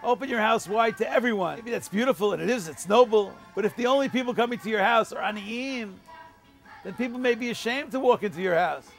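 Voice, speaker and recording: Male rabbi, high voice with a gravelly edge, teaching through stories and quotations, faint music underneath. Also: fairly quick. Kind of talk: holiday video message.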